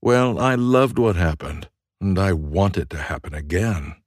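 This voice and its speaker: A woman voicing a domineering wealthy man, speaking low and commanding in an audiobook story. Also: unhurried, darkish tone, dry recording, clean studio sound.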